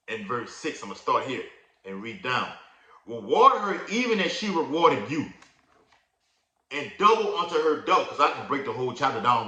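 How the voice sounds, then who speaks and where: A fervent male preacher with a bright, forceful voice. He mixes casual slang with loud, emphatic scripture readings. The sound carries a roomy echo. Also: mid-range voice. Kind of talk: prophecy sermon with scripture reading.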